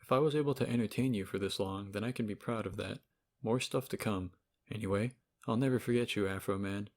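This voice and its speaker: He speaks briskly, his lowish voice carrying a darkish tone. As a game reviewer giving casual video essay commentary, he's opinionated and informal, mixing in sarcasm and profanity. A cheap microphone picks him up.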